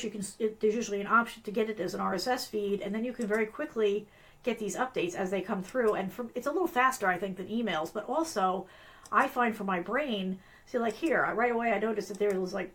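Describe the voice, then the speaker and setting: A woman's voice: mid-range voice, fast. A woman hosting a live online tutorial, losing her voice, chatty and apologetic, with lots of fillers and restarts. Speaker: host of a live business analyst show. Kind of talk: casual live-stream tutorial.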